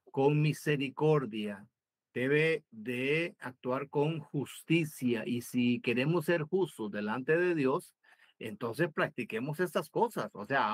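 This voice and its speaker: A middle-aged man pastor with a Costa Rican accent, preaching deliberately and searching for words. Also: mid-range voice, no room sound. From Costa Rica. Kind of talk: home Bible teaching sermon. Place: home.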